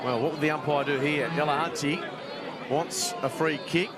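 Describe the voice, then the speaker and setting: A man's voice: fairly high pitch, fairly even intonation, normal speed. An Australian male play-by-play commentator calling live football in short, clipped phrases. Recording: loud crowd and noise behind commentary. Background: loud crowd at outdoor ground.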